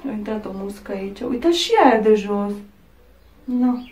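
A woman's voice: medium pitch, darkish tone, breathy edge. A woman filming a casual walking vlog in a village garden on a phone, exclaiming often and talking to her viewers. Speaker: vlogger.

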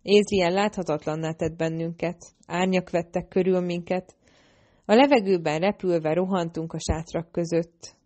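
A woman narrating a fantasy audiobook in the first person, with a steady, measured reading. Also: fairly low pitch.

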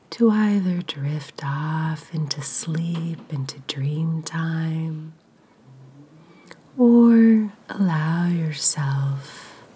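A woman whispering a slow guided meditation, breathy and soothing, with long soft pauses. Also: low-pitched, a little hiss or hum.

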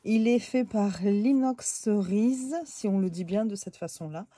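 A woman's voice: medium pitch, measured pace, mellow, dry recording. A woman with a head cold, talking nasally and hesitantly through a casual tarot deck review. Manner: hesitant, many fillers, chatty.

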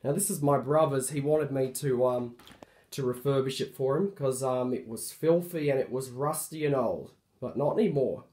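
Recorded indoors on a handheld phone, a man hoarse from a cold casually shows off a light fitting he refurbished. He talks hesitantly, with lots of ums and restarts, in a medium-pitched, dark-toned voice at a moderate pace, like a relaxed show-and-tell.

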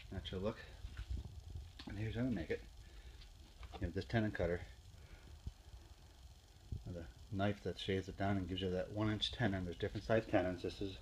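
This casual show-and-tell vlog features a Northeastern Pennsylvania hobby woodworker filming his projects in his home garage on a handheld phone. He has a deep, darkish voice with a steady tone, and the rough recording has slight background noise. His talk is plain and unhurried, with fillers and restarts.

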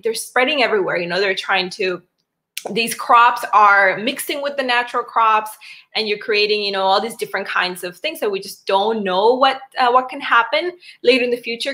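Bright-voiced woman on a video call. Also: a little high. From Sri Lanka. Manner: chatty, many fillers and restarts. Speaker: wellness doctor presenting a webinar. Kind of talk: informal health presentation.

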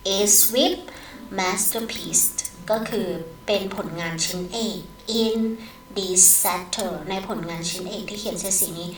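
Thai-accented teacher, slow, roomy and distant. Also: female voice, medium pitch, slight background noise. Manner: mixes Thai explanation with slow read-aloud English phrases; adds polite particles after nearly every phrase. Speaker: English teacher. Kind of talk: recorded online lesson.

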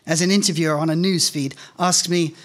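The reader, a middle-aged man, has a fairly high voice with fairly even intonation and a brisk delivery. He reads a scripted first-person story aloud at a live reading, into a stand microphone set close in front of him on an indoor stage.

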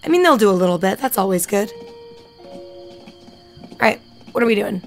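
A woman streaming a video game live, chatting and thinking out loud with excited reactions. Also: medium pitch, moderate pace, soft background music. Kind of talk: live gameplay commentary.

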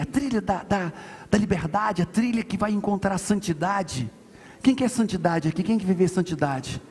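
A man's voice: very high voice, noisy background. A man from Brazil preaching an impassioned conference sermon, emphatic, repeating his phrases and calling on the congregation to answer. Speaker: pastor. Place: large church hall. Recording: live church hall with reverb and music.

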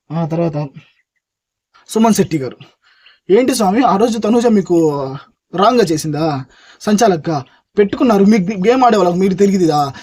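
A man's voice: high-pitched, darkish tone, breathy edge. A man reviewing a reality show in casual, opinionated talk, emphatic and speaking straight to his viewers. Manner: emphatic, talks straight to viewers, keeps asking "okay?".

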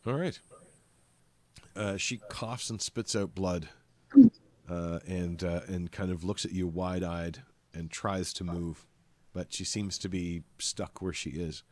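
A man's voice: low-pitched, fairly even intonation, takes it slowly, dry recording. A man narrating a tabletop game as game master, describing scenes with frequent ums and uhs.

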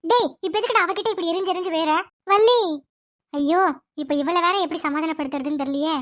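A woman voicing a fussy, scolding mother in a cartoon, loud with exclamations. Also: very high-pitched, fast talker. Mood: worried.

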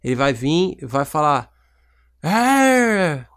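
Young brazilian guy rambling a joke pitch on a prank call, smooth slightly high voice. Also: a little fast. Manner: rambling, joking, deadpan pitch. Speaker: YouTuber.

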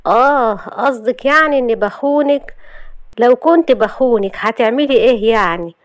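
A woman's voice: fairly high pitch, animated, a little fast, no room sound, pitched above the performer's own voice, natural voice. A woman voicing a cold, threatening young husband in Egyptian Arabic.

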